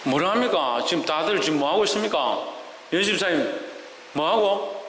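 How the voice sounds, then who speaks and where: A male pastor preaching emphatically, firing rhetorical questions and swinging between loud and soft. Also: on the high side, animated, normal speed, reverberant, big-room sound, slight background noise, rough recording. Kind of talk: sermon. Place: church sanctuary.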